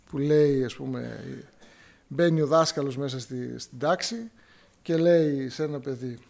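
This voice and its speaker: A man's voice: on the high side, vocal fry, darkish tone. A male priest giving a sermon in church, explaining scripture word by word and repeating key phrases to drive them home.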